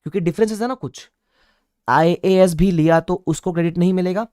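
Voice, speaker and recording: A man with a high-pitched, warm, clean voice speaks a little fast while teaching an online exam-prep class. He repeats key points and drops in playful asides, giving it the feel of a lively classroom lecture. The recording has clean studio sound with no room echo.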